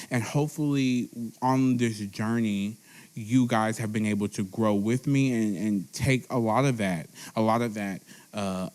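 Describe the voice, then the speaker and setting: Young male podcaster, slightly drunk, sincere solo talk, mid-range pitch. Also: a little mellow. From Texas. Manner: earnest, heartfelt, repeats phrases. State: tipsy. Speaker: podcast host. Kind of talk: emotional solo monologue. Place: seated at a table at home.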